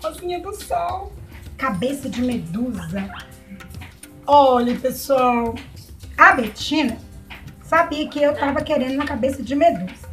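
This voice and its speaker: A Brazilian woman with a high, bright-sounding voice chats casually while unboxing plants, gushing and exclaiming over each one. Soft music plays faintly underneath her. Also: expressive, a little slow, pauses often. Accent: Brazilian Portuguese. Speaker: plant vlogger.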